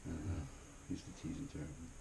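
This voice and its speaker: A man with a rumbling low, monotone voice, warm but fried, talks quickly while on a cave tour. His anecdotes are rambling, profane and laid-back, and the recording is full of noisy cave ambience.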